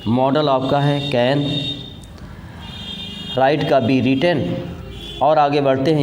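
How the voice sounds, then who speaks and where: A man with an Indian accent teaches a grammar lesson, repeating the key points and mixing in English terms. His voice is medium-pitched and a little mellow. The room is echoey, with background noise.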